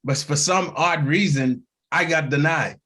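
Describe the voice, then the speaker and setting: In a fairly high voice and at a measured pace, a guest actor from Haiti spins a story during a casual interview. He plays out the people he quotes and laughs at his own expense.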